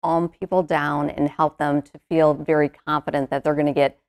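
A woman's voice: sits low, level tone, normal speed, darkish tone. A woman hosts a studio finance show, reading ad copy with enthusiasm and praising her guest. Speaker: TV show host and ad announcer. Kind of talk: upbeat ad read and studio interview.

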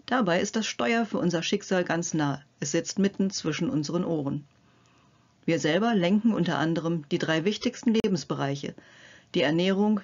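A woman's voice: on the low side, highs cut off. Friendly older woman health coach. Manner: friendly, addressing the viewer directly, gently playful. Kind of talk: scripted narration to camera.

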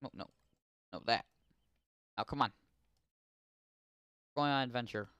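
A young man casually commenting on his gameplay, chatting to in-game characters and yelling curses when startled. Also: mid-range voice, measured pace, smooth, no echo, clean studio sound. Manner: yells and swears when startled. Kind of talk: casual let's-play commentary.

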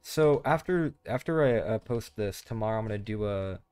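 A man's voice: on the low side, animated, normal speed, darkish tone, clear, resonant tone, no echo. Rambling, stammering gamer guy. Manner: rambling, stammers and repeats words. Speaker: gaming channel host. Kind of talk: casual gameplay chat.

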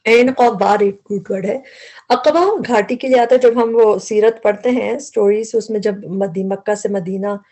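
A woman a mellow, warm voice walks students through a Quran lesson word by word. She explains each root word patiently, often repeating and correcting herself mid-phrase. Her speech mixes in throughout. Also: mid-range voice, fairly even intonation, normal speed.

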